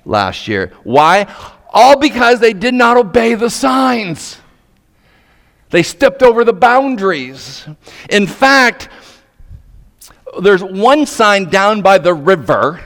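A man from Nova Scotia preaches a sermon, dramatically moving between hushed questions and loud, emphatic points. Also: sits high. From Nova Scotia, Canada. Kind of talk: sermon to men, storytelling with pointed rhetorical questions. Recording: reverberant hall.

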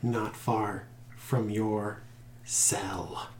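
Guy doing a dazed captive cultist, super slow and whispery, low voice. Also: little pitch movement, darkish tone, echoey room, rough recording. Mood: faint. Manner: slow, faint, whispered delivery.

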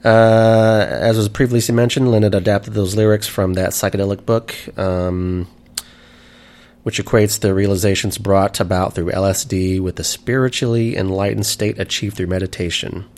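Low-voiced man reading out music trivia. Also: steady tone, moderate pace, a little mellow. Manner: reads trivia aloud with stumbles and asides. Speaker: podcast co-host. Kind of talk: casual chat, reading out facts.

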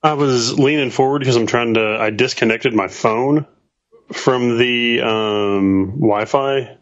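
A man's voice: mid-range voice, takes it slowly. A man chatting casually and swearing now and then, heard over a remote call line. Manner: laid-back, swears casually. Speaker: podcast co-host. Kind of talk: casual chat. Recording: dull lo-fi remote call audio.

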